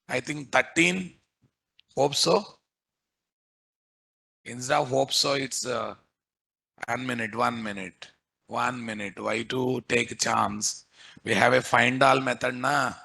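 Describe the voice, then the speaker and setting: This programming instructor, who has a Telugu accent, runs a live coding class, going over things repeatedly and peppering students with questions. He speaks in a mid-range voice that's gravelly, husky, bright, and forceful.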